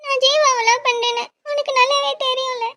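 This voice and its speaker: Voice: very high-pitched, flat delivery, moderate pace, pushed and bright, exaggerated voice. A performer voicing a young woman in a cartoon, a lovesick younger sister who pleads in distress. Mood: upset. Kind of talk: cartoon voice acting.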